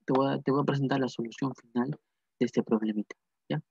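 A man's voice: medium pitch, fairly even intonation, brisk, creaky, a little mellow, breathy edge, dry recording. Repetitive man tutoring math. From Peru. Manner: repetitive, asks and answers his own questions. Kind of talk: whiteboard math lesson. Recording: dull lo-fi dry sound.

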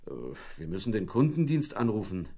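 An easygoing, joking husband from a children's storybook, acted by a man. He talks calmly and matter-of-factly, a little higher than the narrator, with a husky tone. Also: fairly quick. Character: calm, joking husband, dog's master.

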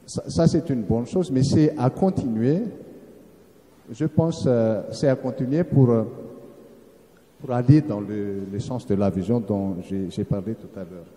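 A man giving an earnest, halting conference presentation as a round-table panelist, often restarting his phrases. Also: medium pitch, mellow. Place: seminar hall. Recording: echoey hall with long reverb.

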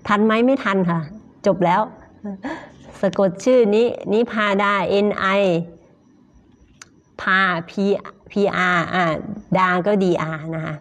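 A young woman with a Thai accent teaching on a live stream, chatting casually with viewers and reading their comments, full of fillers and polite sentence endings. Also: fairly low pitch. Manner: slow and chatty, filler-heavy, ends phrases with polite particles.

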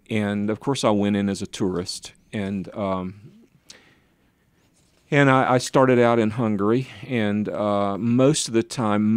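Older guy, deep-ish voice, pastor reminiscing, dry close mic. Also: a little mellow, dry recording. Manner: rambling, self-deprecating, chuckling asides. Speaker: pastor and author, guest. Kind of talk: conversational interview storytelling.

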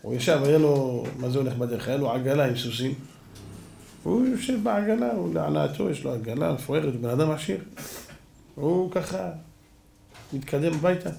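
A man's voice: fairly high pitch, lively intonation, creaky, pauses often, dark tone, slight background noise. A male rabbi giving an emphatic sermon, firing rhetorical questions and acting out stories. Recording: echoey hall.

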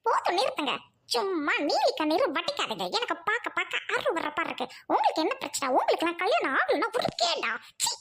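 A woman playing a scornful, sharp-tongued young wife who taunts and mocks her husband's family. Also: very high voice, very animated, fast, soft background music, exaggerated voice. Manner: mocking, taunting.

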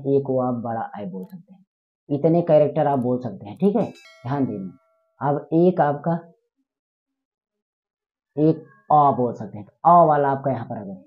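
A man teaching a spoken grammar lesson, repeating words and quizzing his listeners with questions as he goes. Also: medium pitch. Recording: tinny phone-like sound.

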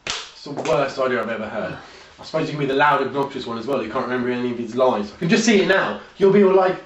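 A man's voice: mid-range voice, fast talker, reverberant, recorded from a distance, muffled recording. A sketch creator teasing his partner in comic bickering, speaking in a mocking tone.

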